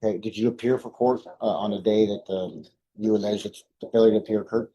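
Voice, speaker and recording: A man questioning a witness in court as defense attorney, with hesitant, halting phrasing. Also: on the low side, steady tone, dark tone, breathy edge, dull audio.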